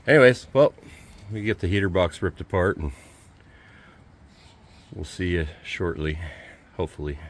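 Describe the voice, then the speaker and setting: A homesteader with a deep voice casually shows off his old truck, outdoors and inside the cab, filming on a handheld phone. At a moderate pace with long pauses, he's relaxed and offhand, thinking aloud with dry jokes; there's a little hiss or hum.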